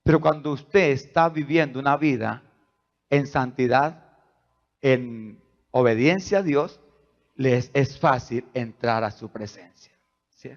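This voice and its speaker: A male pastor preaching a sermon, asking the congregation rhetorical questions and swinging between soft asides and loud, rising emphasis. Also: medium pitch, slow pace, pauses often. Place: church. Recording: dull lo-fi church recording.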